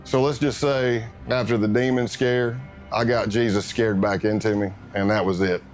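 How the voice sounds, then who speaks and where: Low-voiced man telling war stories. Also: steady tone, normal speed, faint music behind. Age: middle-aged. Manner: vivid storytelling, acts out what others said. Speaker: former undercover agent interviewee. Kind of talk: documentary interview storytelling.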